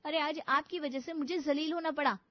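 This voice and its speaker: Lady doing a sulky young wife, really high voice, griping, dry lo-fi audio. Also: fairly even intonation, fairly quick, dry recording, natural voice. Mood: resentful. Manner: complaining, resentful.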